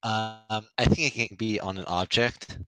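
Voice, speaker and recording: Deep, bright-voiced man playing tabletop. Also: steady tone, unhurried, low-quality recording. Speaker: tabletop game player. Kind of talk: casual in-game narration of his character's actions.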